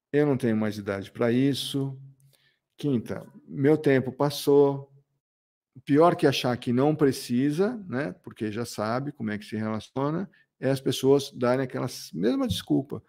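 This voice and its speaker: A man gives a motivational talk on relationships. His voice is dark and mellow with a gravelly edge. He works through a list in a reflective way and briefly voices the excuses people make. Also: medium pitch. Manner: reflective, lists points and acts out others' excuses. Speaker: relationship coach.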